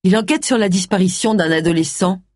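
A woman voicing a brisk, matter-of-fact middle-aged woman detective in an audiobook. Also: mid-range voice, darkish tone, dry recording, clean studio sound, lightly acted.

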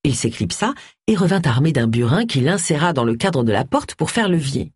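A woman narrating an audiobook in an expressive, lively reading. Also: deep voice, moderate pace, slightly rough, no echo, studio quality.

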